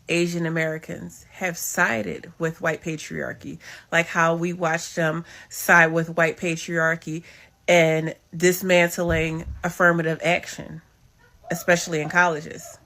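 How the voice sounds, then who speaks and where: A woman's voice: on the low side, level tone, measured pace, vocal fry, bright, forceful tone. A woman giving emphatic political commentary, repeating phrases for weight.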